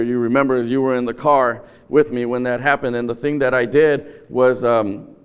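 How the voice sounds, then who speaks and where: A man's voice: medium pitch, clean tone. A middle-aged man preaching a sermon in an empty church sanctuary, earnest and repeating his key phrases. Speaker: pastor.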